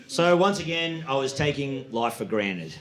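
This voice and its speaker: A man in his late thirties with an Australian accent, telling stories in a stand-up comedy set and acting out high, excited voices. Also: normal speed, background noise. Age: 30s. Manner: storytelling, acts out voices with sudden high excited jumps. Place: comedy club stage. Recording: echoey club room with audience.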